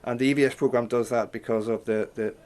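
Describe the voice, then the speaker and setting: A man from a charity speaking in a measured, hesitant way in an interview. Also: mid-range voice, fairly even intonation. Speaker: charity organiser. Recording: roomy, distant, loud music.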